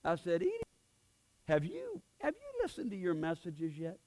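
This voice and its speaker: A middle-aged male pastor preaching a sermon, telling a personal story and swinging from quiet asides to loud, emphatic outbursts. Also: high voice, huge pitch swings, moderate pace.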